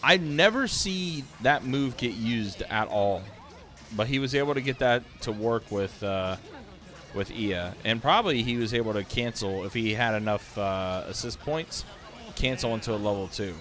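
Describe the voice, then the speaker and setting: A man's voice: mid-range voice, moderate pace, a bit bright, soft background music. A sleepy man casually commentating fighting game matches on a live stream, thinking aloud with many fillers. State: sleepy, yawning.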